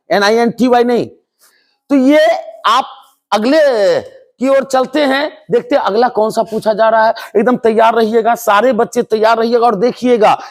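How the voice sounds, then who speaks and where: A man teaching English spelling and pronunciation to board exam students, animated and joking as he playfully scolds the class. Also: extremely high pitch.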